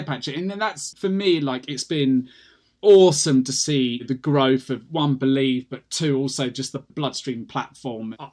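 A British man from the United Kingdom appears as a guest patient advocate on a casual podcast interview. His voice is on the high side, and he talks energetically and passionately, often restarting his sentences.

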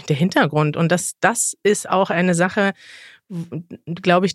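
A woman's voice: on the low side, no room sound, clean studio sound. A woman co-hosting a podcast, talking in an earnest, thoughtful way and reading listener messages aloud. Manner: earnest, thoughtful, with some hesitant restarts. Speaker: podcast co-host.

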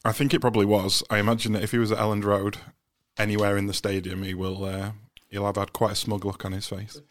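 A man gives casual football analysis on a podcast. His pitch runs a little low with very little variation, and his delivery is measured. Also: level tone, slight background noise. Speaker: podcast panellist.

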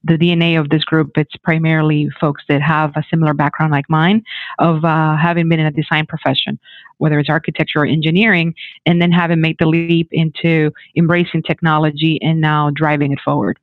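Lively man from the Dominican Republic on a phone-like line. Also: on the high side, a little fast, no room sound. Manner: animated, many restarts and fillers. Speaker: guest, technology executive. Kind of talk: conversational interview.

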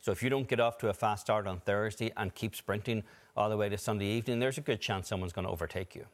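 A man giving golf commentary and analysis as a co-commentator, in a measured, analytical way. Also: lowish voice.

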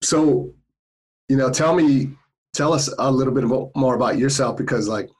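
A podcast host chats casually with a guest in an interview, his medium-pitched voice slightly mellow and husky at a moderate pace. He's friendly and leans on plenty of fillers like "you know" and "like."

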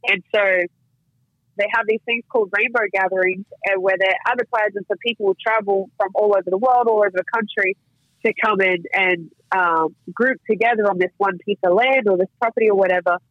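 A woman's voice: medium pitch, fairly even intonation, fairly quick, dry recording, dull audio. An Australian woman in her thirties, a guest chatting casually on a podcast, saying "like" and "you know" a lot and swearing freely. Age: 30s. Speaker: guest, professional fighter.

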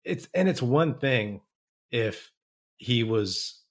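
A man's voice: medium pitch, expressive, slow. A man from the San Francisco Bay Area, hosting a casual sports podcast and chatting loosely with plenty of fillers. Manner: conversational, leans on fillers like "like" and "man". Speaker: podcast host.

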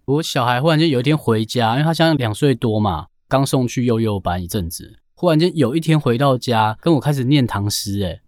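A man's voice: medium pitch, expressive, a little fast, few pauses, a little mellow, dry recording, clean studio sound. A man co-hosting a podcast, teasing his partner and laughing often in casual chat. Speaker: podcast co-host.

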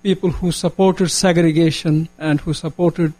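A man with a Kashmiri accent speaks in a somewhat high voice, asking a question at a public event. He is earnest and formal, phrasing things deliberately, with faint music in the recording. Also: little pitch movement, dark tone, low-quality recording. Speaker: audience member asking a question.

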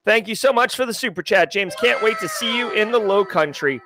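A man hosting a daily livestream, talking casually and energetically to his chat with slang and shout-outs. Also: high voice, brisk. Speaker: host.

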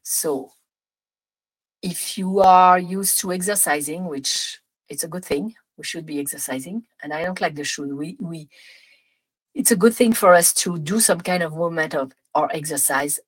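A woman with a French accent hosting an advice podcast, talking gently with restarts, then guiding a slow breathing exercise. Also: fairly low pitch, breathy edge, rough recording. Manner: gentle, warm, meandering with restarts. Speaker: podcast host. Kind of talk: casual advice podcast with guided visualization.

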